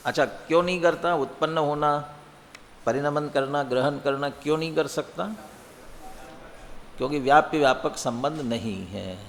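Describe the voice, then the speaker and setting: A man teaching a religious text, explaining by posing and answering his own questions and chanting verses slowly. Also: a little high, gravelly, big-room sound, slight background noise. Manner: chants scripture slowly and deliberately. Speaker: scripture teacher.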